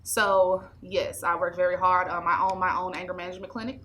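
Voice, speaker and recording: Twenties, woman, bright tone, emphatic interview guest. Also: on the low side, level tone, brisk, slight background noise. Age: 20s. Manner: emphatic and preachy, repeats phrases. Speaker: interview guest, anger management specialist. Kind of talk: casual interview talk. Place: small indoor studio set.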